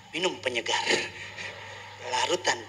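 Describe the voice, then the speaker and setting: A male pastor delivering a humorous sermon, telling jokey stories and building up to loud preaching. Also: mid-range voice, slow pace, slight background noise.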